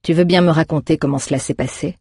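A storybook reader voicing an old male druid who speaks calmly and slowly, pressing gently. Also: medium pitch, slightly rough, no echo, clean studio sound. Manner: calm, slow, measured.

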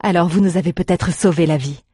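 Young heroine, steady and composed, husky low-key voice, read by a narrator. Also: fast talker, dry recording, clean studio sound, lightly acted. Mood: calm. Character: calm resolute young girl, druid's daughter.

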